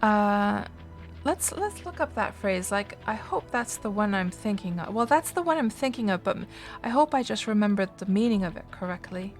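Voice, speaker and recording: A chatty Finnish-speaking woman streams a game, answering viewers in casual livestream chat and thinking aloud with plenty of fillers and restarts. Her mid-range voice is expressive at a moderate pace, over soft background music.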